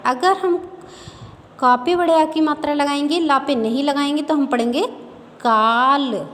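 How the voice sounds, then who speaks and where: A woman teaching a reading lesson to young children, sounding out syllables slowly and repeating each word. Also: sits high. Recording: faint background noise, long reverb.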